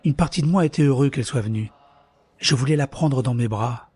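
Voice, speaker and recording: A man's voice: mid-range voice, a little fast, slightly rough, dry recording, natural voice. A man narrating his own story in the first person in an audio drama, bitter and introspective. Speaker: narrator and lead character. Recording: soft music underneath.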